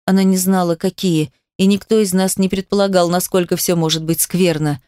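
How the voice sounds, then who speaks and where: A woman voicing a tender, brooding young stepbrother in a murmuring, lowered voice, in a romance audiobook. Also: steady tone, brisk, dark tone, clear, resonant tone, no room sound, studio quality, close to an everyday voice. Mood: earnest.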